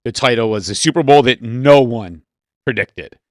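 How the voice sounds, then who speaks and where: A man co-hosting a casual podcast chat, talking loudly and excitably. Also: medium pitch, normal speed, no echo, clean studio sound. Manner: loud, excitable, lively delivery. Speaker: podcast co-host. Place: small room, podcast recording.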